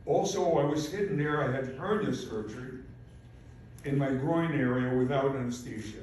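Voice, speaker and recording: This man, in his eighties, speaks at medium pitch and normal speed with a slightly mellow quality. A native Polish speaker from Poland and a Holocaust survivor, he is an invited speaker giving prepared, formal testimony at a public event, recorded distantly in a very echoey hall with faint noise.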